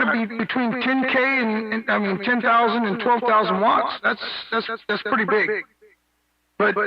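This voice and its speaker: A man's voice: sits high, creaky. A man rambling over CB radio in casual chat, with many restarts, calling the other man dude and bro. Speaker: CB radio operator. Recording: distant, muffled radio audio.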